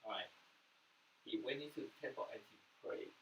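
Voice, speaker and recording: Recorded on a distant mic in an echoey room with faint noise, this Mandarin-speaking pastor preaches earnestly, swinging from sudden loud bursts to soft drops. His voice is mid-range and gravelly, at a moderate pace.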